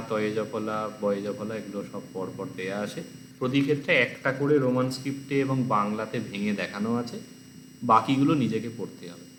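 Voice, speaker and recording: A man's voice: medium pitch, fairly bright tone. Man drilling pronunciation in an echoey room. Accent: Bengali. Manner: slow, careful word-by-word pronunciation drills. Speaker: teacher. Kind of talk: exam-prep lesson, reading word lists aloud. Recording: echoey room, faint background noise.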